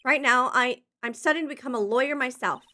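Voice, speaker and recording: An earnest, naive young man in college , as a woman voices him while reading a game aloud. He talks eagerly with little hesitant stammers, in a high, bright voice. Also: a little fast. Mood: determined.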